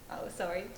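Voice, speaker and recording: A woman's voice: sits high, full character voice. A woman playing a lovestruck young woman who giggles and gushes about her boyfriend. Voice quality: giggly, gushing. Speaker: sketch character. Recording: roomy echo, faint noise.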